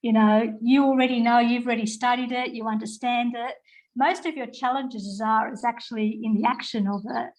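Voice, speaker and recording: A woman's voice: fairly high pitch, steady tone, normal speed, rough recording. A woman from Australia with an Australian accent and a slight English twang, talking informally as a guest speaker with rambling asides. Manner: warm, chatty, with rambling asides and fillers. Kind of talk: informal spoken talk. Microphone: video call.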